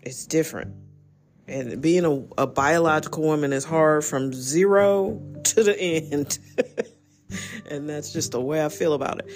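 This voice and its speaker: A woman's voice: deep voice, a little slow, darkish tone, faint music behind. A woman hosting a casual personal monologue, candid and reflective, who laughs often and restarts her sentences.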